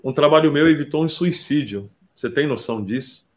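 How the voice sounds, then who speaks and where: A man with a somewhat high voice tells his stories in a lively, chatty way, warmly calling the listener "brother" as he goes. The recording sounds dull and lo-fi. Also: a little fast, slight background noise. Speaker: interview guest, visual artist. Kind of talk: casual interview storytelling.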